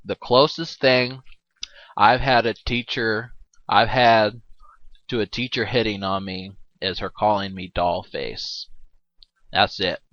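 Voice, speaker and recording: Brief: low male voice, loose joking film commentary, dull dead-dry recording. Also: steady tone, takes it slowly, a bit bright, dry recording. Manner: rambling, filler-heavy, joking with frequent laughs. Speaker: movie commentary host.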